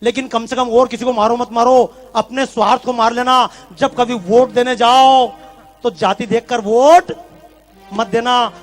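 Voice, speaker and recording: A man's voice: extremely high pitch, steady tone, a little slow, soft background music. A man giving a fiery speech from a stage to a live audience, firing rhetorical questions at the crowd. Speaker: public speaker.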